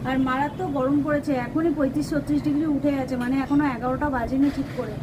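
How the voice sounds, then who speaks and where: Brief: woman home vlogger from West Bengal, high voice, chatty narration while doing housework, feeling unwell, faint noise behind. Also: steady tone, fast. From West Bengal, India. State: unwell with a painful leg. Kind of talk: casual home vlog narration. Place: home, kitchen and bedroom.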